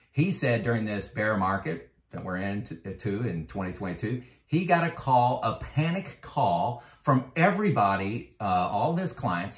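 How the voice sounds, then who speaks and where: A man in his fifties with a mid-range voice and roomy sound talks to camera as a retirement finance vlogger. He explains his own finances casually and conversationally, with frequent fillers, growing emphatic when he makes a point.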